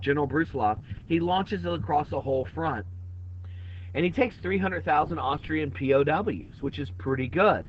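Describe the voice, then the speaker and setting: A man's voice: medium pitch, a little hiss or hum. Male teacher, chatty classroom lecture, slightly muffled recording. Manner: conversational, addresses students directly. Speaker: history teacher.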